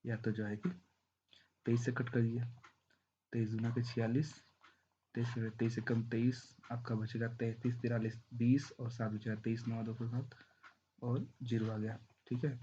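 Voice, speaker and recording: A man's voice: medium pitch, flat delivery, moderate pace, mellow, muffled recording, a little hiss or hum. A man teaching a math lesson with a sore throat, walking through the arithmetic step by step and checking in often. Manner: walks through arithmetic step by step, often saying "thik hai".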